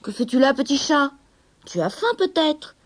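A woman's voice: high-pitched, big pitch swings, moderate pace, voice pushed up. Woman playing an old woodcutter grandfather. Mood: kindly.

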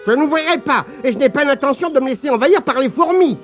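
A man's voice: high-pitched, sing-song, slow, faint music behind, exaggerated voice. A man playing a grumpy magic spider. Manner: grumbling, huffy. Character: grumpy female magic spider, clumsy with spells.

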